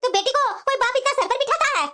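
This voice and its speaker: A woman's voice: extremely high pitch, quick pace, pushed and bright. A woman voicing a chiding middle-aged mother in a cartoon family story. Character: middle-aged mother, fair-minded and scolding. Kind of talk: cartoon voice acting.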